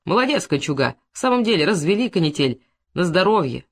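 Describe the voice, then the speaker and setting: A gruff, dismissive middle-aged man in an audiobook, as a reader plays him. His speech is brusque and mocking. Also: medium pitch, very animated, fairly quick.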